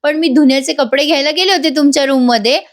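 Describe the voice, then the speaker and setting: A woman's voice: high voice, fast, pitched above the performer's own voice, natural voice. A woman voicing a chatty, clumsy household maid explaining herself.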